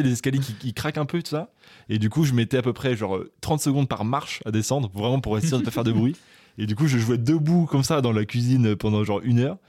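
A man's voice: medium pitch, darkish tone, no echo, clean studio sound. A young man co-hosting a podcast, rambling through stories with lots of restarts and hesitations. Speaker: podcast co-host. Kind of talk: casual chat.

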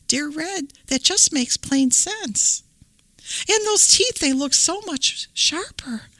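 Brief: a woman doing a sneaky wolf in granny disguise, high sugary voice, slow and sly, storybook. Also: animated, bright, forceful tone, no echo, heavily acted.

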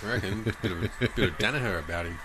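Aussie guy talking footy real quick, lowish voice, blunt, noisy background. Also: a bit bright. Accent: Australian. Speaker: sports podcast co-host. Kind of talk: casual football chat.

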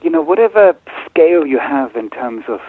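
A man's voice: mid-range voice, big pitch swings, moderate pace, dry recording. A man who grew up in Germany, a film director answering interview questions with many ums and restarts. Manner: hesitant, many fillers and restarts. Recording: tinny phone-like line.

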